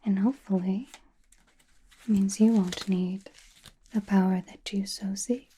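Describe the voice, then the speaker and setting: A woman playing a confident, mysterious witch and fortune teller in an ASMR roleplay, whispering breathily in a slow, soothing way with musing pauses. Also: mid-range voice, steady tone, warm tone, breathy edge. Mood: calm, mysterious.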